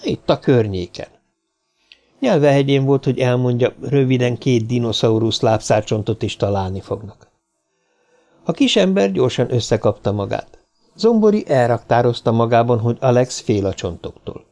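Gravelly male audiobook narrator. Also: mid-range voice, expressive, dark tone. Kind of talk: scripted narration.

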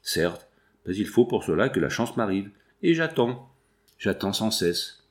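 A man reading as a poor, proud young draughtsman in a spoken storybook, weary and wounded in tone. The voice is rather low and moves widely in pitch. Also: sing-song, a little slow. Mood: weary, hurt.

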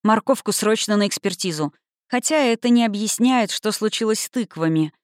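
A woman's voice: mid-range voice, moderate pace, no room sound, studio quality, lightly acted. A woman voicing a self-assured male investigator with a teasing manner in an audiobook. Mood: brisk.

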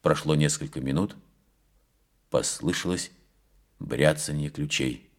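A man reading a historical novel aloud as an audiobook, in calm, measured narration. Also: a bass voice. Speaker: audiobook reader. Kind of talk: scripted narration.

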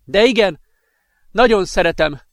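A man's voice: high-pitched, lively intonation, dry recording, studio quality, voice pushed up. A man voicing a worried young woman who pleads with her partner in a pained way. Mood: distressed. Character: worried young blonde woman, caring girlfriend.

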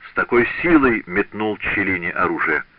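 Low-voiced man reading an audiobook. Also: normal speed, no room sound. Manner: expressive literary reading. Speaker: audiobook narrator. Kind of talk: scripted narration. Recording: dull, lo-fi dry audiobook recording.

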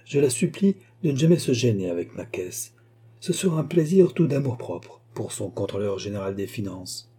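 Guy reading as slick court minister, smiling and sure of himself, dark husky voice. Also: fairly low pitch, very animated, moderate pace. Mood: assured. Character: smooth scheming male royal finance minister.

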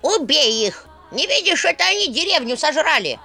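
A reader voicing a bloodthirsty talking skull that whispers in a quiet creaky voice in a spoken fairy tale. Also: high voice, very animated, normal speed, faint music behind, voice pushed up, exaggerated voice. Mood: urging.

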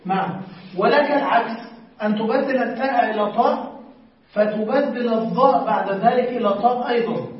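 A man's voice: very high voice, brisk. A male teacher giving a classroom grammar lesson, patiently quizzing his students and repeating their answers. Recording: echoey room, distant dull mic.

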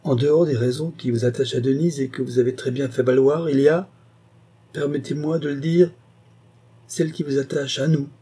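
Agitated aristocratic marquis, abrupt and emphatic; a male reader plays him, husky tone. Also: mid-range voice, fairly even intonation, a little fast, mellow, voice pushed up, lightly acted. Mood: pleading. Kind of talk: audiobook character reading.

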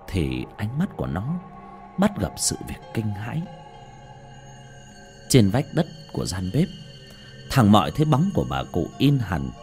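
Man, horror narration, dramatic, very expressive pitch, faint background music. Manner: dramatic, with sudden pitch swings. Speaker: storyteller.

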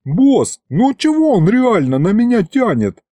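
A man's voice: high voice, huge pitch swings, measured pace, darkish tone, slightly rough, no echo, voice pushed up, full character voice. A man voicing a streetwise male imp with hooves and a pig snout who talks in slang and fawns over his boss. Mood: cocky.

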